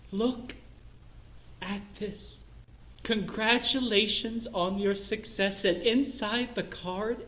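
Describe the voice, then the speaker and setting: An actor playing a bitter middle-aged clerk with a Northern Irish accent in a theatrical monologue, swinging between hushed self-loathing and shouted rage. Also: male voice, high-pitched. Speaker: stage actor in a one-man show. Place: performance space, live stream. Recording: roomy echo.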